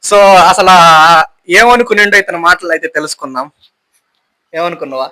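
High, piercing man pestering a friend. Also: expressive, brisk, low-quality recording. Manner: loud, insistent, repeats calls and commands. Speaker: vlogger pranking a friend. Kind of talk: casual prank vlog, teasing and coaxing. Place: home, recorded on a phone. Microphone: phone camera.

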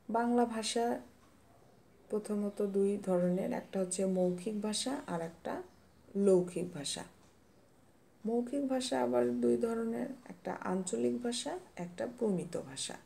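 Woman teacher, slow, dark mellow voice, patient step-by-step lesson. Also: medium pitch, vocal fry. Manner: slow, explains step by step with quiz questions. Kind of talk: classroom lesson reading notes.

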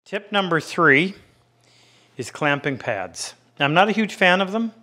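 Here a fifties-aged woodworking instructor speaks in a high, bright, forceful voice with lively intonation and an unhurried pace. He offers an unscripted, hands-on demonstration in the workshop, keeping the lesson practical and plain-spoken.

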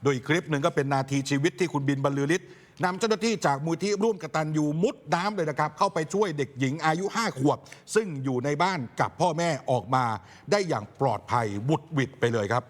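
A male news anchor speaking at a rapid clip in a slightly raised voice, with polite sentence endings. His voice carries a long, reverberant tail from the studio. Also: a little high, animated. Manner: brisk newsreading with polite particles. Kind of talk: news narration.

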